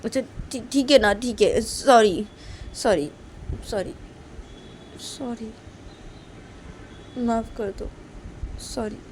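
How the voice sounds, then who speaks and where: A tearful, pleading young woman, raised and soft, begging forgiveness again and again, as a storyteller acts her out. Her voice sits well above the narration, with a faint hiss in the background. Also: mid-range voice, a little fast, pitched above the performer's own voice, close to an everyday voice. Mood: apologetic. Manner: soft pleading, repeats sorry. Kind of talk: storytelling role-play.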